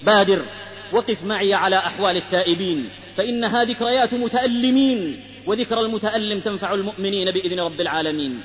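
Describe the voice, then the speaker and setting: Brief: male preacher from the Hijaz, very high voice, urgent pleading sermon, reverberant dull old recording. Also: fast talker. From Hijaz, Saudi Arabia. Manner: impassioned, pleading, rhythmic rhymed delivery. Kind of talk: fervent sermon with storytelling.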